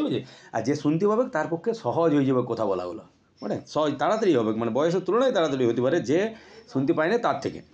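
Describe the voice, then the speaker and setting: Guy teaching a class, kinda high voice, chatty and loose, lots of restarts, muffled lo-fi recording. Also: darkish tone. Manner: informal, addresses students with tui, many restarts and fillers. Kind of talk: classroom lecture explaining a text. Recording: dull lo-fi sound.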